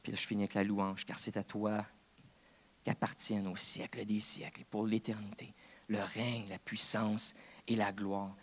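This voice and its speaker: A man's voice: fairly low pitch, little pitch movement, normal speed, fairly bright tone. Québécois man preaching earnestly. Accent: Québécois French. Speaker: co-pastor. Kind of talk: sermon. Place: church.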